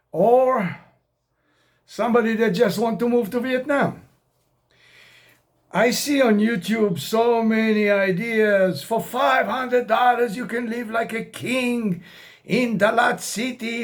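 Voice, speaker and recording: A man in his sixties who grew up outside America, talking casually to camera as an expat vlogger, rambling and direct, with non-native grammar. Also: sits high. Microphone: camera mic.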